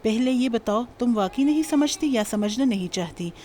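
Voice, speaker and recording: A woman voicing a direct, steady young man who talks in a plain, matter-of-fact way. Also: a little high, slight background noise, close to an everyday voice.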